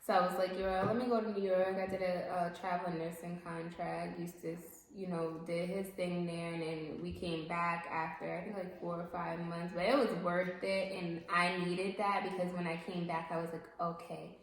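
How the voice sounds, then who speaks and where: A woman's voice: lowish voice, level tone, moderate pace, hardly any pauses, slight background noise. Chatty young woman in an echoey room. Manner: rambling, chatty, full of fillers. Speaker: channel host. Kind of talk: casual chat over a meal. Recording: echoey room with faint background ambience.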